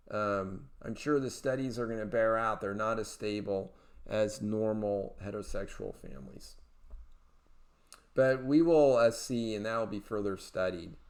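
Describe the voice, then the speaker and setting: A man's voice: mid-range voice, fairly bright tone. A man hosting a political commentary show, talking in a rambling way with many fillers and restarts. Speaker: podcast host.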